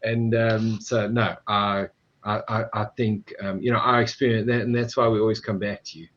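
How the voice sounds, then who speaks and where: A man's voice: on the low side, level tone, moderate pace, a bit bright. A man who runs a tech company, a podcast guest talking in a rambling way with many restarts. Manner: rambling, full of restarts and "you know". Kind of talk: casual podcast interview. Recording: dull, lo-fi sound.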